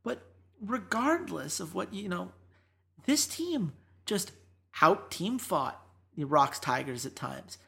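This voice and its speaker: A woman's voice: fairly low pitch, creaky, a bit bright. A woman co-hosting an esports podcast, talking through matches in casual analysis with emphatic, exasperated rants.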